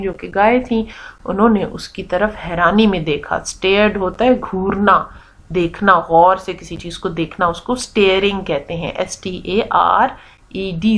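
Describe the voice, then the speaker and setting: Woman teacher explaining a story slowly. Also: mid-range voice, rough recording. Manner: reads English lines slowly, then explains them in Urdu. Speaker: English teacher. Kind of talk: reading a story aloud and explaining it to pupils.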